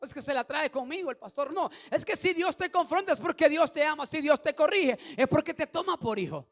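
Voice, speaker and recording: Man preaching, very high voice, animated sermon, questions to the congregation, soft music behind. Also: a little fast. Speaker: pastor.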